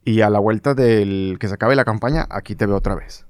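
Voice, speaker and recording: A man's voice: on the low side, brisk, clear, resonant tone, no echo, studio quality. A middle-aged man with a northern Mexican accent, a broadcast journalist casually telling stories in an interview and acting out the dialogue he quotes. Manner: animated anecdotal storyteller, acts out quoted dialogue, frequent fillers.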